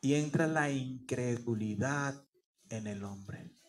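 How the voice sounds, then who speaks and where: Slow and mid-range in voice, a preacher from Peru works through his sermon by raising rhetorical questions and supplying the answers aloud. He also dramatizes the voices of those he quotes.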